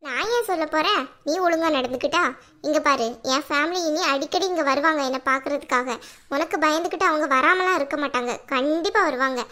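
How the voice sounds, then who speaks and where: [name], a woman voicing a shrill defiant young wife. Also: fairly quick. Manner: sharp, defiant, sarcastic. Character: young wife turned fierce, fed up. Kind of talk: cartoon voice acting.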